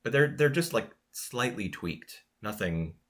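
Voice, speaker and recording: Deep-voiced man, relaxed podcast chat. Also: a little slow. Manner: relaxed, chatty, laughs easily. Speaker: podcast co-host. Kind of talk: casual chat reviewing anime.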